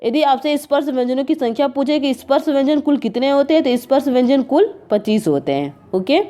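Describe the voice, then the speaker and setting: A woman's voice: sits high, expressive, fairly quick, warm tone. A woman tutor going through exam questions and answers, calling her viewers friends and saying "okay" after each point.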